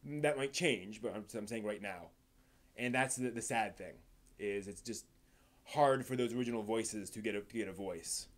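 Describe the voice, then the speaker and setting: Hosting a casual live stream, a fairly low-pitched man talks about the news in a meandering, hesitant way. He keeps restarting his sentences and stresses points before they trail away.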